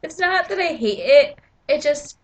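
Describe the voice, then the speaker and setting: A woman's voice: high voice, animated, measured pace, a crowd in the background. A teenage girl chatting on a vlog, laughing often and adding playful dramatic asides. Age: teens. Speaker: vlogger. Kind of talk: casual chat.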